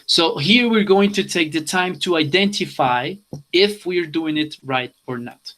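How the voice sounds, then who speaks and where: A man's voice: fairly high pitch, slow pace, a bit bright. Male teacher switching languages. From Colombia. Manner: switches between English and Spanish, repeating instructions. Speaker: English teacher. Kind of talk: bilingual online class.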